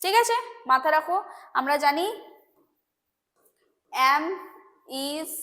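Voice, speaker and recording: A woman with a Bengali accent teaches English grammar for an exam, explaining patiently, repeating points, and frequently checking that her students understand. Her high-pitched voice is animated, pushed and bright, and she takes it slowly.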